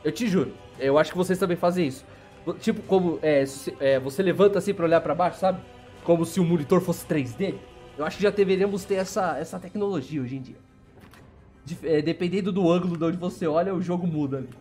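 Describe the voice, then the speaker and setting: A young Brazilian man with a slightly high voice narrates his gameplay in a chatty, running commentary. He talks straight to his viewers and bursts into sudden excited yelps. Faint game music plays underneath. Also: fast talker. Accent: Brazilian Portuguese. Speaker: gameplay channel host. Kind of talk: let's play commentary.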